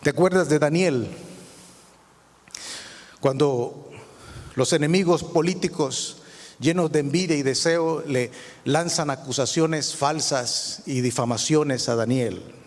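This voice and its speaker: A man's voice: a little high, slow, long pauses. A male pastor preaching a sermon, asking the congregation rhetorical questions. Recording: long hall reverb.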